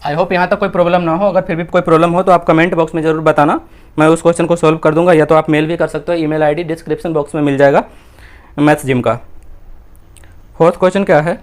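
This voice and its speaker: A man's voice: fairly high pitch, level tone, fast talker. A young man with an Indian accent, a maths teacher working through textbook exercises step by step, mixing Hindi with English and asking and answering his own questions.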